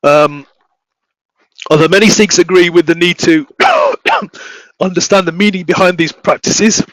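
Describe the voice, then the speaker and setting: A man giving an academic talk, speaking haltingly with many restarts and fillers. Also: sits high, very animated, fairly bright tone, no room sound, poor audio. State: voice failing, coughing. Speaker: academic researcher presenting.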